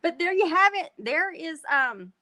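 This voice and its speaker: A woman's voice: extremely high pitch, expressive, measured pace, bright, forceful tone. A woman from North Texas with a Texan twang, hosting a chatty live craft tutorial and talking to her viewers as y'all. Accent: Texan Southern twang. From North Texas, USA. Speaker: host demonstrating card making.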